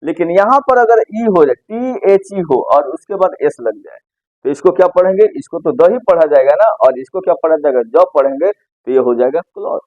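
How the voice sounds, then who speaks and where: A man's voice: a little high, animated, moderate pace, no room sound, phone-quality sound. A man teaching an English pronunciation lesson, spelling words letter by letter and asking questions that he answers himself. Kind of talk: Hindi-language pronunciation lesson.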